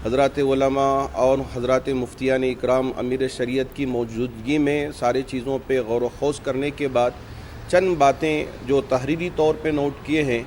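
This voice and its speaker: A man, a mosque imam, reading out a formal statement point by point in measured religious diction, outdoors by a street. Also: medium pitch, a little mellow, a little hiss or hum.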